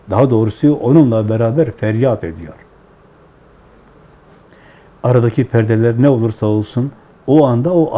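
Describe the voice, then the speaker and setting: A man, a Sufi spiritual teacher, giving devotional teaching in measured, repetitive, chant-like phrases. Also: medium pitch, dark tone.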